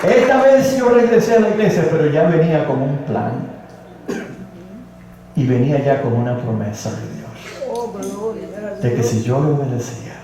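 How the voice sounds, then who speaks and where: A man's voice: on the high side, sing-song, measured pace, pauses often, a crowd in the background. A man preaching, telling his own conversion story in an earnest, emotional way, in a church. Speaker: pastor. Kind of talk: sermon, personal testimony. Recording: echoey hall, from a distance.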